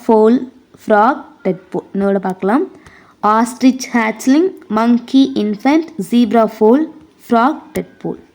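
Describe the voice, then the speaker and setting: A woman with a Tamil accent teaching an exam prep lesson, reading English questions slowly and explaining them in quick Tamil. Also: on the high side, darkish tone.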